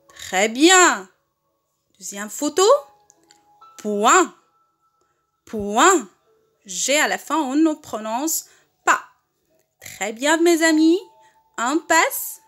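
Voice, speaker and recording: A woman teaching a reading lesson to young children, saying words slowly and deliberately and having the class repeat them. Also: high-pitched, bright, forceful tone. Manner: slow, deliberate, repeats words for pupils to echo. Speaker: primary school teacher.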